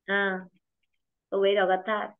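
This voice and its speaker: A woman's voice: medium pitch, completely flat delivery, creaky. Woman teacher, tinny video-call sound. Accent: Vietnamese. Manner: encouraging, repeats words slowly for students. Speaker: English teacher. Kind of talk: online pronunciation lesson.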